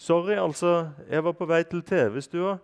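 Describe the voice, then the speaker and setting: A small robot vacuum cleaner, voiced by a man that is restless and chatty and apologizes like a buddy. The voice is pushed up noticeably higher than the reader's own, as in a storybook. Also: clean tone, close to an everyday voice. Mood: apologetic. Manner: apologetic, chummy. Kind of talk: reading aloud from a novel.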